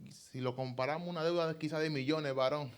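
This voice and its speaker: A man's voice: a little high, steady tone, a little fast, clean tone. A man preaching a sermon as pastor, retelling with emphasis and rhetorical questions.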